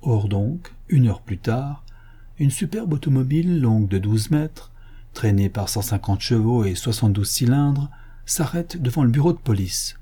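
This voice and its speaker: A man's voice: mid-range voice, animated, normal speed, dark tone, breathy edge. A man reading a short story aloud as narrator, with a wry storytelling manner. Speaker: audiobook reader. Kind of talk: scripted narration.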